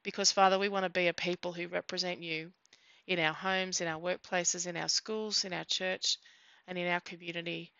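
A woman leading a church prayer in an earnest, measured way, with small hesitations. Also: fairly low pitch, fairly even intonation, bright, forceful tone, dry recording. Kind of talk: spoken prayer. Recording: dull lo-fi sound.

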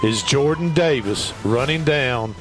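A man's voice: medium pitch, unhurried, a bit bright. A male color commentator with a mid-range voice, talking off the cuff about a football game. He rambles and repeats himself, with faint music behind. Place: stadium press box.

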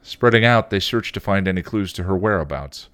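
Deep-voiced man narrating a story. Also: a little fast, clear, resonant tone, dry recording. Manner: expressive, occasional slips. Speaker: podcast host reading fan fiction. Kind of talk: read-aloud story narration.

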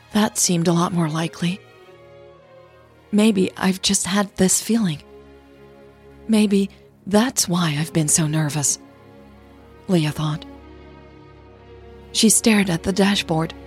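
A woman with a lowish, darkish voice hosts a podcast, narrating scripted stories and chatting casually. She comes across as playful, informal and quick to poke fun at herself.

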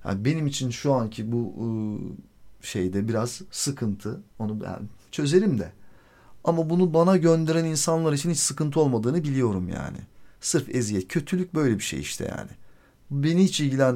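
A man hosting a podcast, telling a personal story in a casual, animated way and acting out the quoted dialogue. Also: medium pitch, normal speed. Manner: swears freely. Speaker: podcast host.

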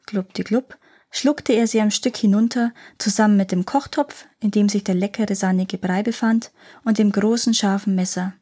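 A woman reading a fairy tale aloud as a podcast storyteller, lively and expressive. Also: medium pitch, husky.

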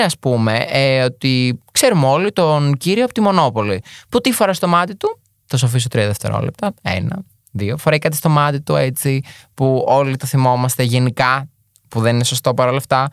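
A man's voice: a little high, no room sound, clean studio sound. A young man hosting a podcast in a casual, chatty monologue, full of joking asides. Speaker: podcast host.

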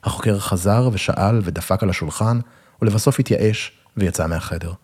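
A man reads a first-person story aloud, wry and self-mocking. His voice sits low and sounds husky. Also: a little mellow. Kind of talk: first-person literary reading.

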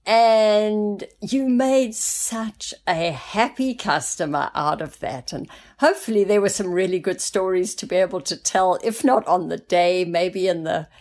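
A woman's voice: medium pitch, a little slow, few pauses, darkish tone. A woman hosting an interview, reflecting on her guest's story with enthusiastic praise. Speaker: interviewer host. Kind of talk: casual interview chat.

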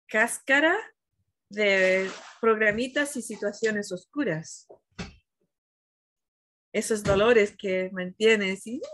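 A woman spiritual teacher in a reflective, conversational talk, retelling a story in an animated way and often searching for the right word. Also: medium pitch.

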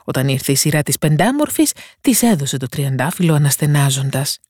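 A woman storyteller giving a scripted fairy-tale narration in a calm, measured way. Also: sits low, slightly rough, no echo.

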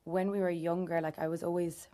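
A woman's voice: on the low side, flat delivery, fairly quick, dark tone. A woman in her twenties with an Irish accent, answering conversationally as an interview guest. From County Louth, Ireland. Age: 20s. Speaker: interview guest, youth political group member.

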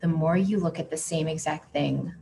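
A woman's voice: low-pitched, moderate pace, creaky, dark tone, a little hiss or hum. A woman hosting a podcast in casual chat, talking loosely with many "like" fillers and frequent laughter. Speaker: podcast host.

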